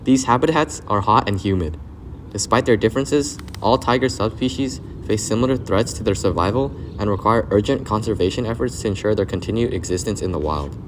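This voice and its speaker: A man's voice: on the low side, brisk. A man reading scripted nature documentary narration. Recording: clearly noisy background.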